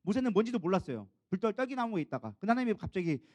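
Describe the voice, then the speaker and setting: Fast-talking, high-voiced male pastor. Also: no room sound. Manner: animated storytelling, questions to the congregation. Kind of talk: sermon.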